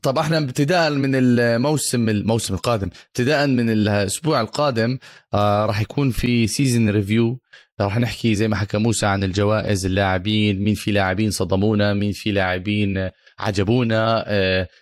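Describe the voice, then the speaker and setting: This is a man with a Levantine Arabic accent chatting about football as a podcast co-host. His voice is on the low side and moves quickly, with a dry, close sound. He often restarts a phrase and slips in English terms. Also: steady tone, dry recording. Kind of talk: casual American football chat.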